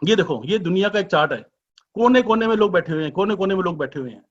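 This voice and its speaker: A man giving a business presentation as an informal sales pitch, chatty and persuasive, full of rhetorical questions and teasing asides. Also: lively intonation, quick pace. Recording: dull lo-fi recording.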